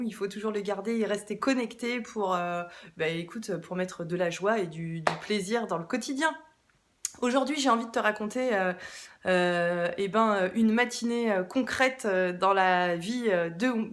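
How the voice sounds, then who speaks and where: Chatty French-speaking mom vlogger. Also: female voice, fairly high pitch, fairly bright tone. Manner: chatty and hesitant, many fillers, addresses viewer directly. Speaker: parenting vlogger, mother. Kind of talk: casual storytelling vlog.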